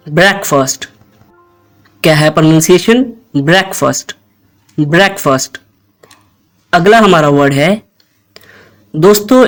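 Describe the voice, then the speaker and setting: A man hosting a pronunciation lesson, patiently repeating each word slowly so listeners can say it back. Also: a little high. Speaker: host and English pronunciation teacher.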